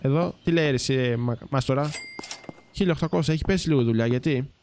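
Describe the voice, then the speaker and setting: A man's voice: mid-range voice, darkish tone, a little hiss or hum. A man giving casual let's-play commentary, chatting to viewers and teasing the game's characters. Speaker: gaming YouTuber.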